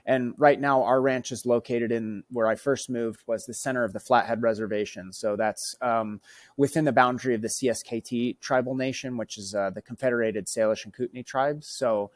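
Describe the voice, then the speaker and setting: A relaxed man in his thirties, from Norway, tells his story as an interview guest. He speaks at a middling pitch, pausing on fillers and restarting phrases as he goes. The sound is dry and close to the mic. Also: no room sound. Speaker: bison rancher, guest. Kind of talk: casual interview talk.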